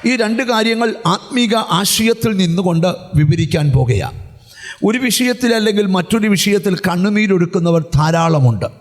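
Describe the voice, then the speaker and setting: A male pastor preaching a sermon and often breaking in with refrains of praise. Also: high voice. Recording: hall reverb, church sound system.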